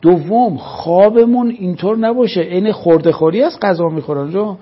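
A man with a husky, somewhat high voice lectures a class. He keeps up an animated delivery and answers his own rhetorical questions. The recording sounds dull and lo-fi. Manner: animated, rhetorical questions, acts out scolding parents. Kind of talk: religious-minded lecture to a class.

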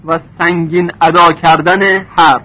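A man teaching recitation rules in a lesson, stretching out example words slowly. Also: fairly high pitch, flat delivery. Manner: slow drawn-out example words. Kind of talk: tajweed lesson. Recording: dull lo-fi recording.

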